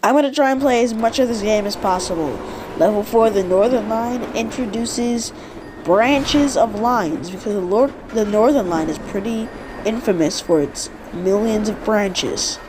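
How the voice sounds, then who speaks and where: A woman giving chatty, animated commentary over her own gameplay and often correcting herself mid-sentence. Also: medium pitch, unhurried, background noise. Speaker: gaming video host. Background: game sound effects.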